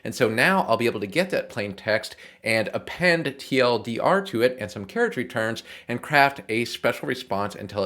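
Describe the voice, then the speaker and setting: A programming tutorial host with a mid-range, bright and forceful voice walks casually through code in a screencast. His explanations are informal, and he often checks in with the listener.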